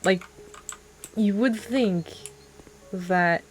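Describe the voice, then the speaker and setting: Slow, rambling young woman streamer. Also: mid-range voice. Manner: rambling, self-mocking, laughs often. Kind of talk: casual gameplay commentary.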